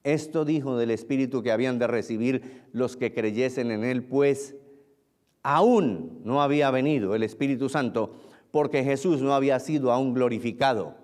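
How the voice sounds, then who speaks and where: A male pastor preaching a sermon, repeating phrases for emphasis and swinging between loud declarations and low, hushed lines. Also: moderate pace.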